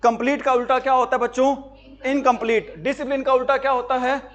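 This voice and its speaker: A high-voiced man lectures a class on grammar. He fires questions at his pupils, then answers them himself, repeating key words with emphasis. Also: little pitch movement, quick pace, muffled recording. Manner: repetitive, emphatic teaching. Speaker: English teacher for job exams.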